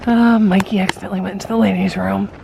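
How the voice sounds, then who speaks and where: A woman's voice: mid-range voice, fairly even intonation, quick pace, vocal fry. A woman co-hosting a casual travel vlog outdoors, chatty and giggly, talking into a handheld camera. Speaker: vlog co-host. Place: outdoors at a wildlife preserve. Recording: outdoor wind and noise.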